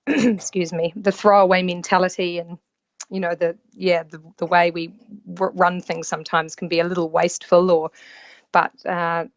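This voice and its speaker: This New Zealand woman, a yacht stewardess, talks at normal speed in a lowish voice with little change in pitch. She's a podcast guest in a casual interview over a video call, easygoing, with fillers and occasional restarts, and the call audio sounds dull and dry.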